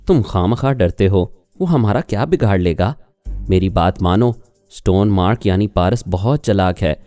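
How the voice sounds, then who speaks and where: A man's voice: deep voice, lively intonation, mellow, clean tone, dry recording, studio quality, soft background music. A man voicing a jealous young wife who accuses and argues, in an audiobook reading. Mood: accusing. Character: jealous young woman, sharp-tongued wife.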